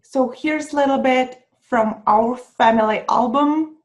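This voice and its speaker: Czech-accented woman in her 30s, high and upbeat, pitching her business over webcam with punchy emphasis. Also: unhurried. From Czech Republic. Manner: upbeat, emphatic, pitch jumping on key words. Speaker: online business coach. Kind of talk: enthusiastic sales pitch over slides.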